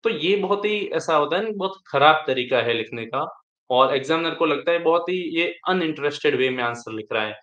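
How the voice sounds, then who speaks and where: Young man, exam topper, explaining step by step; slightly high voice in a reverberant room. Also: expressive, moderate pace, a bit bright, muffled recording. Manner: explanatory, repeats and restarts while advising. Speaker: exam topper sharing tips. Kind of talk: live online interaction. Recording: echoey room.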